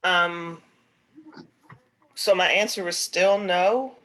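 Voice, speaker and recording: A woman on a group call, explaining herself in measured, hesitant phrases during a casual discussion. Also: on the low side, steady tone, a bit bright, low-quality recording.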